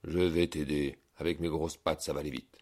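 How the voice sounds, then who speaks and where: A man voicing a big, kind male dog in a spoken storybook, gentle and reassuring. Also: rumbling low, little pitch movement, normal speed, voice pushed down.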